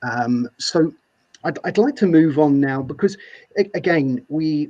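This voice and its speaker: Man, interview host, husky, lo-fi recording, enthusiastic, repeats words. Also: mid-range voice, dark tone. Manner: enthusiastic, repeats words when starting sentences. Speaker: podcast host. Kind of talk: interview conversation.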